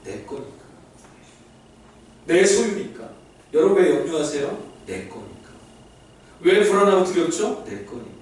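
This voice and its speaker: A male pastor with a fairly high voice preaches a little slowly, pausing often, as he asks the congregation questions and acts out the voice of God. His animated sermon fills a large, echoey church hall, captured from a distance with faint noise.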